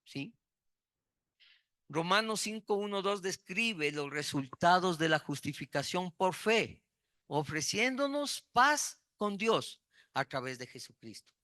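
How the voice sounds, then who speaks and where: A man's voice: high-pitched, very animated, slow, pushed and bright, dry recording, clean studio sound. A man preaching a sermon, repeating key words for emphasis and telling personal stories.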